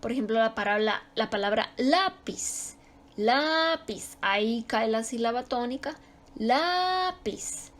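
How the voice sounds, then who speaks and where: A woman teaching a grammar lesson, explaining slowly and repeating example words with strong stress. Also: fairly high pitch.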